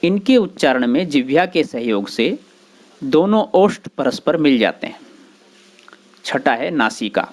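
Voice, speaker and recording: A man teaching grammar, explaining slowly and sounding out letters one by one, with short recited rules between them. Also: fairly high pitch, expressive. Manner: slow, deliberate, spelling out sounds one by one. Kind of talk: explanatory lesson.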